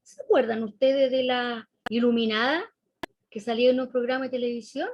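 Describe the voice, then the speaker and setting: High-voiced Chilean woman preaching. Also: fairly even intonation, normal speed, slight background noise. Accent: Chilean Spanish. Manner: conversational, asks the congregation questions. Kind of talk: sermon.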